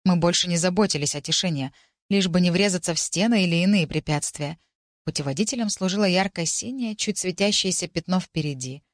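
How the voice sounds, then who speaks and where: A woman giving a steady, expressive first-person narration of a fantasy audiobook. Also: lowish voice, brisk, no echo, studio quality.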